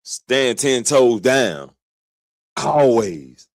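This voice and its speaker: A man with a mid-range voice hosts a stream and reacts to a clip in a relaxed, casual way, talking back at it and chuckling. The close, dry sound has no room echo. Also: medium pitch, extremely slow. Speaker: stream host.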